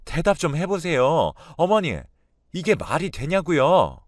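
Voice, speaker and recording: A man's voice: on the high side, big pitch swings, measured pace, dry recording, clean studio sound, voice pushed up. A man voicing a middle-aged daughter-in-law who angrily confronts her mother-in-law, talking in a raised, pleading voice in a radio drama. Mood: pleading, angry.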